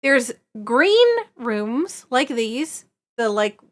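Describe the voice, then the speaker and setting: High, bright-voiced woman streaming a game. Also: very animated, very slow. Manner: chatty, talks to herself while playing. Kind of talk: casual live gameplay chat.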